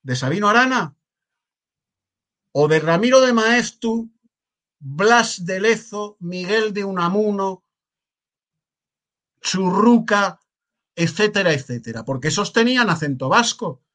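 A man with a Spanish accent from Spain gives fiery political commentary. His voice sits fairly high and leaps around in pitch. He asks rhetorical questions and repeats key phrases to drive each point home. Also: lively intonation, a little slow, pauses often, fairly bright tone. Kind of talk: impassioned opinion commentary.

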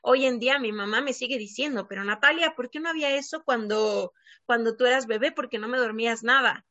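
With a fairly high, bright, and forceful voice, an Argentine child sleep coach chats earnestly as a podcast guest in an informal interview. She fills her speech with little filler words. The audio is dry and lo-fi with a dull quality and no echo.

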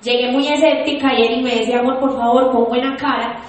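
A young woman giving an animated, emphatic motivational testimony to an audience, telling her story. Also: high voice, quick pace. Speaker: network marketing speaker. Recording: echoey hall.

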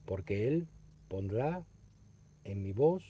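A man, reading a spiritual text aloud and explaining it in an unhurried, reflective way that repeats phrases. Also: lowish voice, expressive, mellow, breathy edge. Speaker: spiritual study teacher. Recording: dull lo-fi recording.

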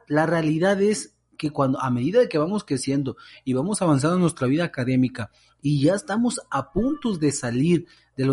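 A man's voice: a little high, a little mellow, husky. A young adult man with a Mexican accent co-hosting a podcast in casual, slangy talk. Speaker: podcast co-host.

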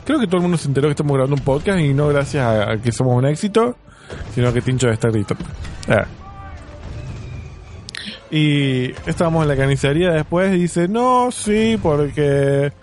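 A man's voice: a little high, a little fast, pauses often, darkish tone, faint music behind. A young man with an Argentine accent, co-hosting a casual podcast and joking around with his friend. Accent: Argentine Spanish. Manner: joking, mimics friends with exaggerated voices. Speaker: podcast co-host.

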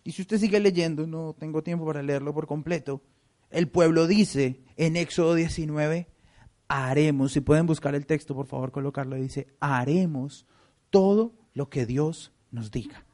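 A man preaching a sermon, animated and acting out the voices of the people he quotes. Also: fairly high pitch, normal speed. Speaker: pastor.

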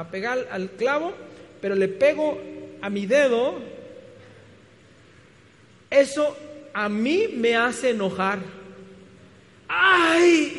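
High-voiced preacher in a reverberant hall. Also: male voice. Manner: animated, rhetorical questions, stammering restarts. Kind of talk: sermon. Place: church hall.

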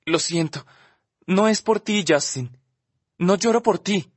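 A man's voice: moderate pace, no room sound. Man doing a tearful teenage girl. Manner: raised girlish pitch, sobbing and pleading. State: crying. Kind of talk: audiobook character voice.

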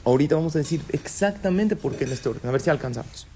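A man's voice: on the high side, animated, quick pace, noisy background. A man teaching a casual religious class, asking students questions and joking with them. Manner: conversational, asks students questions and jokes. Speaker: Torah teacher.

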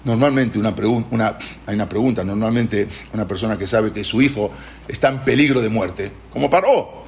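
A man's voice: on the low side, a little fast, a little mellow, slight background noise. A man teaching a Torah lesson, telling the story dramatically and asking his listeners questions.

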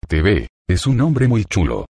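A bored young cashier at a juice bar, as a man reading aloud gives her lines. The voice stays deep and a little husky, read plainly in a dry, close sound. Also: wildly swooping pitch, unhurried, a little mellow, dry recording, exaggerated voice. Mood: bored, giddy.

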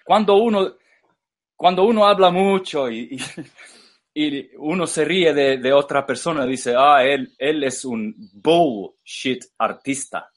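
Slow, halting man lecturing. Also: fairly high pitch. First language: English. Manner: halting, repeats words, searches for Spanish words.

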